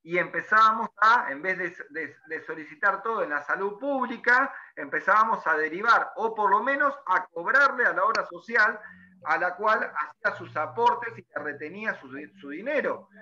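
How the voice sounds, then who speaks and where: A man's voice: high-pitched, animated, normal speed, bright, forceful tone. A man teaching a recorded class, explaining step by step and often checking in with his students. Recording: dull lo-fi recording.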